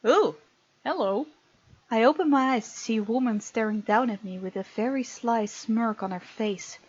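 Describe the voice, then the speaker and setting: Hosting a game let's-play, a woman reads the visual novel narration aloud and comments along the way. Her voice is on the high side with a breathy edge and a moderate pace, recorded dully with game music in the background.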